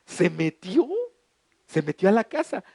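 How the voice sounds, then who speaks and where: A middle-aged Mexican man, a pastor, telling a humorous personal story in a colloquial, animated sermon. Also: sits high, a little slow, vocal fry, husky, no echo.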